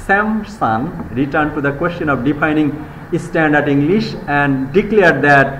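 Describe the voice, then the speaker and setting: A male lecturer with a Bangladeshi accent addresses his students, slowing right down when reading English quotations and rushing through his own explanations. His voice sits a little high. The classroom sound is echoey, with a faint hiss underneath. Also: fairly bright tone. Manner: switches between rapid Bengali explanations and slow, deliberate English reading. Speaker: university lecturer. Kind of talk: live classroom lecture mixing Bengali and English. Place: university classroom.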